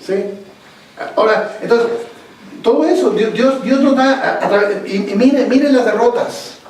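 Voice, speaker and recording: High-voiced pastor echoing in a church. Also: male voice, lively intonation. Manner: halting, repeats words and asks the room questions. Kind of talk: Bible study sermon. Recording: echoey church hall, distant mic.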